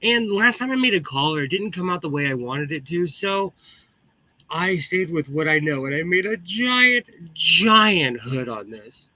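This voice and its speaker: A man's voice: fairly high pitch, animated, measured pace, bright, forceful tone, no echo. A man chatting casually as a livestream host, exclamatory and chatty, with a tinny, metallic microphone sound. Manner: chatty, exclamatory, greets viewers. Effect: tinny, metallic tin-can microphone sound. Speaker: livestream host, sewing hobbyist.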